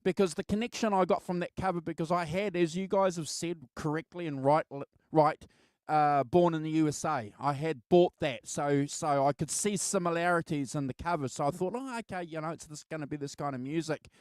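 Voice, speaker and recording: A middle-aged man hosts a relaxed album discussion in a fairly high, clear voice. He repeats and restarts words as he talks. The recording is close and dry. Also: no room sound. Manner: halting, repeats words and stumbles. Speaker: host of a music album show. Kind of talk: casual chat, personal reminiscence.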